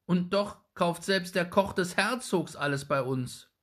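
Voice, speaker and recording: A man's voice: sits high, measured pace, a bit bright, pitched above the performer's own voice. A man doing an indignant young boy. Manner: scolding, indignant.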